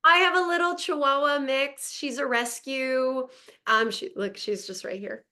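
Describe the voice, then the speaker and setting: An actress guest from Montreal, Canada, who spoke French first, chats over a video call from her Los Angeles home in a relaxed, casual interview. Her voice is crisp, bright, and a little high, and she talks a bit slowly. She's chatty and upbeat, laughing easily and often.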